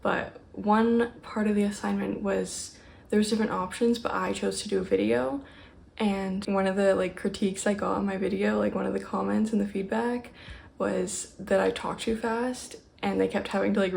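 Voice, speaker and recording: A young woman vlogging at home in casual, rambling chat, talking fast and quietly with lots of fillers. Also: mid-range voice, fairly even intonation, creaky, slight background noise. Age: young adult. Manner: quiet and shy.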